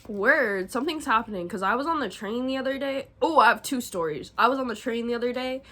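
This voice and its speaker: A woman's voice: fairly high pitch, fast talker, a bit bright. A young woman with a slight lisp, rambling casually through a tarot reading and swearing freely. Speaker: tarot reader. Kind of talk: casual chatty tarot vlog.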